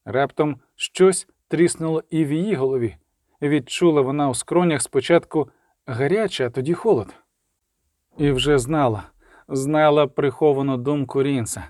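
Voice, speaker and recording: A man reading an audiobook in a steady, even storytelling manner. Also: on the high side, normal speed, dry recording, clean studio sound. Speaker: audiobook narrator. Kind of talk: scripted audiobook narration.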